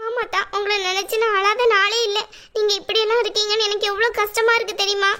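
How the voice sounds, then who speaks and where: A woman's voice: very high voice, flat delivery, fast, pushed and bright. A woman voicing a scheming young woman in a cartoon drama, who coaxes and pleads sweetly. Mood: sugary pleading.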